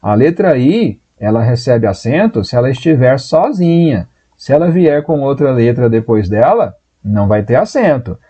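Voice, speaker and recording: A Brazilian man teaching Portuguese in a live online exam-prep class, talking in a lively, chatty way and answering viewers by name. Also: medium pitch, moderate pace, few pauses, slightly rough. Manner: voices students' doubts in a raised voice.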